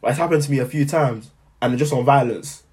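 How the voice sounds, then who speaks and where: A man's voice: mid-range voice, fast talker, a little mellow. A young man with an urban London roadman accent chatting casually in slang, repeating himself and tagging sentences with "innit". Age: young adult. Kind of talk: casual chat.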